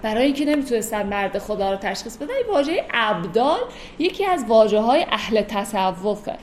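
A woman explaining classical poetry in a casual, lively lecture, speeding up into wry asides. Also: fairly high pitch. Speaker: teacher explaining Persian poetry. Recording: echoey room, faint ambient noise.

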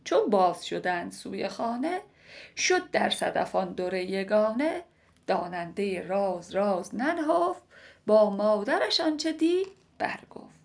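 A woman reciting classical poetry in a measured, lilting way, repeating lines and sometimes dropping to a soft whisper. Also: mid-range voice, expressive, vocal fry.

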